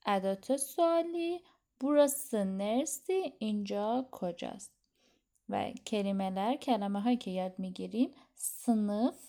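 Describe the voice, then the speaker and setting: A woman teaching a language lesson. She says words slowly and clearly, translates them, and explains pronunciation. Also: medium pitch, warm tone. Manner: reads Turkish words slowly, then translates them into Persian; gives explanations quickly and clearly.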